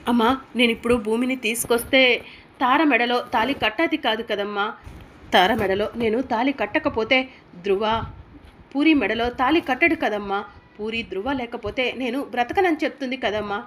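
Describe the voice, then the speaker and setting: A woman's voice: a little high, normal speed, a little hiss or hum, lightly acted. A woman reading the lines of a remorseful young man, anguished and curt by turns, in a serial recap.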